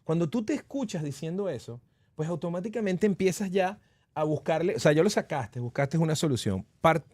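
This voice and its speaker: A man's voice: on the high side, lively intonation, a little fast, darkish tone, no room sound. A man hosting a live online workshop, talking through steps in a reflective coaching tone, often restarting his sentences. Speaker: workshop host.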